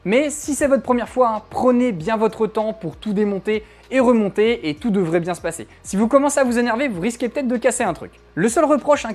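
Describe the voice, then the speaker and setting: A woman reviewer narrates a scripted product test informally and conversationally, dropping in frequent tag words. Her voice is on the high side with a darkish tone, and faint music plays in the background.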